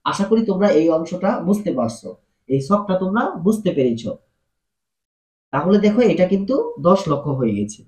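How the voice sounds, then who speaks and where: A man's voice: high voice, very animated, fairly quick, darkish tone. A man teaching a math lesson, explaining patiently and asking his students questions as he goes. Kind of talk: classroom-style math lesson. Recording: echoey room.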